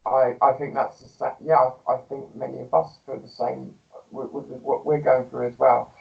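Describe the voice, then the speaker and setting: A man interviewing someone, speaking gently and reassuringly, often stammering as he restarts sentences. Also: medium pitch, little pitch movement, normal speed, creaky. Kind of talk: candid interview talk. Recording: dull, distant mic.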